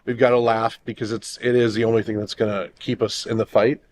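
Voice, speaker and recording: Male co-host, fairly low-pitched, earnest, halting casual discussion. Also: level tone, a little mellow, a little hiss or hum. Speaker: talk show co-host.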